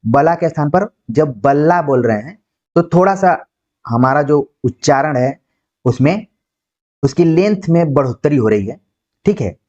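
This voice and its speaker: A man teaching an exam-prep Hindi lesson who explains slowly, acts out example words and keeps checking with "ठीक है". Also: a little high, mellow. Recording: dull lo-fi sound.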